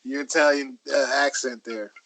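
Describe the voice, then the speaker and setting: A man, co-hosting a casual chat in an easygoing, halting way. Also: medium pitch, steady tone, background noise. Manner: easygoing, halting, laughs often. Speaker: podcast co-host.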